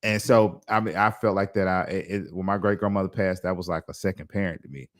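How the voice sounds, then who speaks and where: A man with a lowish voice hosts a podcast and talks through a personal story in casual interview chat. He speaks reflectively, circling back with restarts and asides. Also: fairly even intonation, fast talker. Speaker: podcast host.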